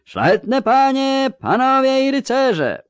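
A man's voice: fairly low pitch, very animated, unhurried, darkish tone, no echo, studio quality, pitched above the performer's own voice. A man voicing a portly, pompous court chamberlain who speaks formally and pedantically about etiquette. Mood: proclaiming loudly.

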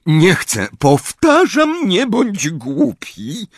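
A man doing a shrill, fussing mother. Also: huge pitch swings, drawn-out words, no room sound, clean studio sound, heavily acted. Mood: pleading. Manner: shrill pleading falsetto. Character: anxious motherly middle-aged woman, fussing, protective.

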